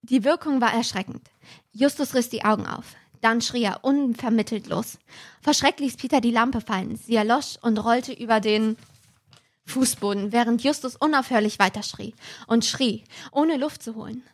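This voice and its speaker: A woman podcast host reads a detective story aloud during a livestream. Her voice sits a little high. She narrates briskly, with animated storytelling.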